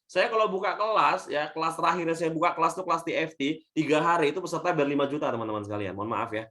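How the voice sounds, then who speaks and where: Speaking rapid-fire on a video call, a man from Indonesia gives a leadership webinar, often addressing listeners as friends as he moves between loud and soft delivery. He describes his own natural voice as thin and shrill.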